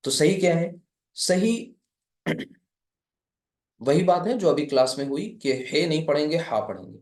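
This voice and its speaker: A man's voice: fairly high pitch, a little mellow, echoey room. A man from India teaching a live Arabic class, patiently explaining step by step and quizzing his students.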